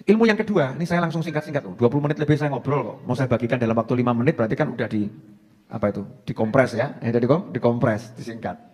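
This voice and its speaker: A man's voice: medium pitch, fast talker, a little mellow, breathy edge, long reverb tail. A man with a Javanese accent giving a humorous religious advice talk to a congregation. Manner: humorous, mixing in Javanese phrases. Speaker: Islamic preacher.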